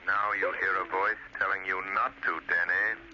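A man's voice: deep voice, flat delivery, normal speed, bright, forceful tone. An actor playing a mysterious unseen crime-fighter in an old-time radio thriller, stern, theatrical and commanding, his voice thinly filtered. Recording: muffled, hissy vintage radio recording.

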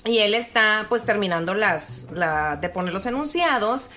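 A woman in her thirties with a Mexican accent, chatting casually as podcast co-host and telling an animated story, swearing freely and acting out quotes. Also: mid-range voice, moderate pace. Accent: Mexican Spanish.

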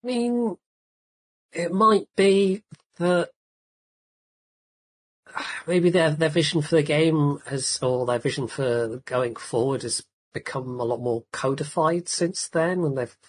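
A man who speaks very slowly and with some hesitation, weighing his words in a casual chat. His voice is husky and a little breathy. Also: medium pitch, rough recording.

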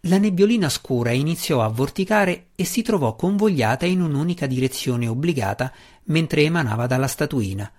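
A man reading a fantasy novel aloud as audiobook narrator, in a steady, measured way. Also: a little high. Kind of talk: scripted narration.

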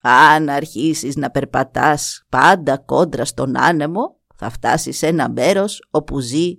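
A woman's voice: sits low, creaky, no room sound, pitched below the performer's own voice. Woman voicing a patient, knowing old grandmother; dry close sound. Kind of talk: storytelling.

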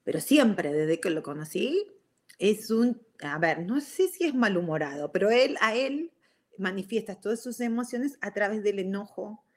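Woman, Rioplatense accent, self-help speaker: expressive, loose, keeps restarting sentences and mixing in English words. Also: medium pitch, normal speed. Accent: Rioplatense Spanish. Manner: addresses listeners directly with frequent "ok?". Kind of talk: casual motivational talk.

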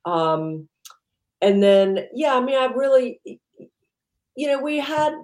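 A woman's voice: high-pitched, very animated, takes it slowly, darkish tone, echoey room. A woman entrepreneur being interviewed, chatting casually and rambling with lots of "you know" fillers. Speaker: entrepreneur guest.

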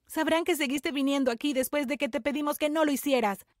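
A woman's voice: high voice, a little fast, noisy background, natural voice. Woman voicing an angry young man. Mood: firm. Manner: shouting sharply, then calm and firm. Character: young man, annoyed, then furious at a stalker.

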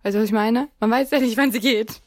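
A woman's voice: fairly high pitch, fast, darkish tone. Giggly young woman podcast host. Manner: laughs often, mixes English into German. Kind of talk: casual chat.

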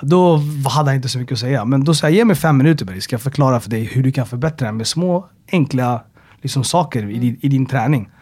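A man, a personal trainer, chatting casually on a podcast and telling stories with lots of swearing and acted-out dialogue. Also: mid-range voice. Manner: animated storyteller who swears and acts out dialogue.

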